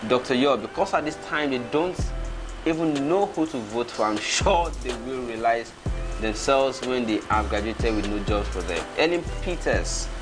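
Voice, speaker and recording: Nigerian man in his thirties, livestream host, reads comments with chuckles, medium pitch, music clearly behind. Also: expressive, moderate pace. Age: 30s.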